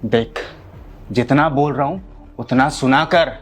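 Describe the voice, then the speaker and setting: A man's voice: mid-range voice, slow, faint music behind. A man playing a harsh, domineering husband who orders people about and talks with scorn, in a family drama skit. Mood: angry. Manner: shouting, rude, commanding.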